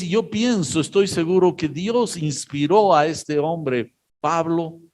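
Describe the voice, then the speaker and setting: Slow, halting male preacher. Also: fairly high pitch, darkish tone. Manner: slow, halting delivery with many pauses and fillers. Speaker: pastor. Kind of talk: sermon.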